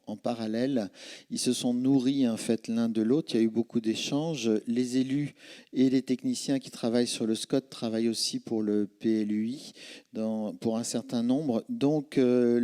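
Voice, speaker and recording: A man's voice: mid-range voice, dark tone. A man moderating a public meeting, polite and formal as he answers questions and hands over the floor.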